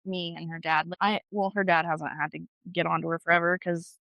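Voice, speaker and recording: A woman in her thirties co-hosting a podcast, chatting casually about being a mom, blunt and quick to swear. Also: fairly low pitch, gravelly, no room sound, muffled recording. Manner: blunt, swears freely, animated storytelling. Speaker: podcast co-host. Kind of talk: casual chat.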